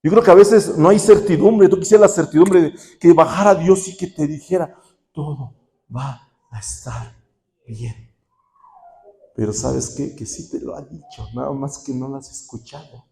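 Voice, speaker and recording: A man preaching a sermon at a rehab center's visiting day, impassioned with sudden soft, slow drops. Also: fairly high pitch, creaky. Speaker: pastor.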